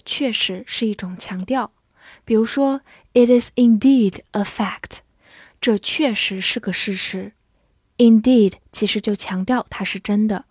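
A young woman teaching English vocabulary in Chinese, explaining patiently and slowing down to spell and drill each word. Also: a little high, darkish tone, dry recording, studio quality.

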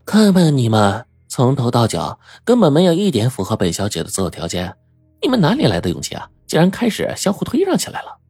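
A male storyteller voicing a spoiled, quick-tongued young woman who teases and huffs. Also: mid-range voice, wildly swooping pitch, darkish tone, breathy edge, no echo, faint music behind, pitched above the performer's own voice, exaggerated voice. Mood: sassy teasing. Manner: mocking, teasing, huffy.

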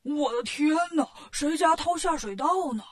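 A woman's voice: high voice, lively intonation, moderate pace. A woman voicing a clumsy, greedy male pig-monk in a children's storybook reading, with gasping, whiny exclamations. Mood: alarmed.

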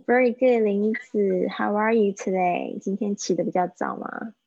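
A woman teaching English phrases in a live-streamed lesson, chatting and slowly repeating phrases for practice. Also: mid-range voice, vocal fry, a little mellow, slightly rough, dry recording, muffled recording.

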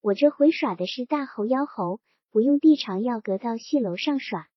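Brief: smug, scheming male township boss, needling then threatening, read by a woman in a high, husky voice. Lo-fi storybook audio. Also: expressive, normal speed, dry recording. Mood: sly, menacing. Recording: dull lo-fi recording.

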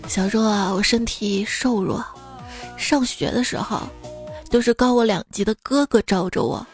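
A young woman hosting a show, telling comic family anecdotes in a playful, chatty way over soft music. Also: mid-range voice, normal speed. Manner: playful, chatty, acts out quoted lines. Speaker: podcast host. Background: faint background music.

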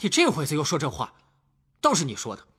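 Male actor: high, husky, blustering young hothead for an audio drama, wide swings. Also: huge pitch swings, fast, a bit bright, full character voice. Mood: angry. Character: hot-headed young man, blunt and quarrelsome.

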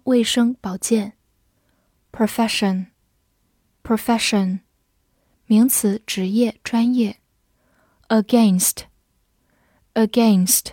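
A woman teaching English vocabulary, spelling words letter by letter and repeating example sentences slowly. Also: a little high, mellow, dry recording, studio quality. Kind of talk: vocabulary lesson with spelling and slow read-alongs.

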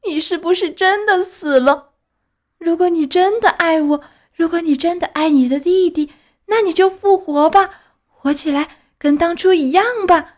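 A woman voicing a young wooden puppet boy in an audiobook, pleading in a high wailing voice. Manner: high wailing, sobbing pleas. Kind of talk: audiobook character voice.

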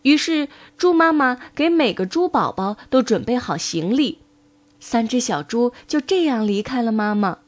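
High-voiced woman reading a children's story. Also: moderate pace. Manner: gentle, expressive read-aloud.

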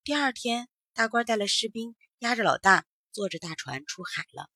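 A woman's voice: a little high, expressive, brisk, pushed and bright, no room sound, clean studio sound. A woman narrating a children's story expressively, acting out sounds as she goes.

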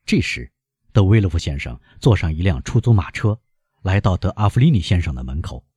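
Breathy low-voiced male narrator. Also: very animated, brisk, warm tone, no room sound, clean studio sound. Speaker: audiobook narrator. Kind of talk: scripted novel narration.

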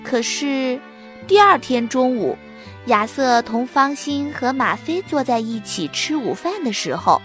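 A woman telling a children's story with lively swings in pitch and a fairly high voice. Her delivery is expressive and animated, with soft music playing beneath.

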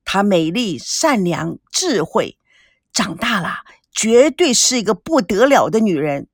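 Brash joking young man, read by a woman; lively, dry audiobook. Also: medium pitch, measured pace, breathy edge, dry recording, heavily acted. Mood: wistful. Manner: joking, cheeky, sometimes sighing.

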